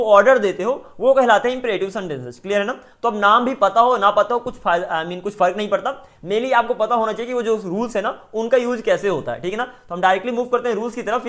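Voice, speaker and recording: Man, Indian English accent, high-pitched, chatty online grammar teacher who keeps checking in with students. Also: fairly bright tone. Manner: chatty teacher, mixes Hindi and English, repeats checks for understanding.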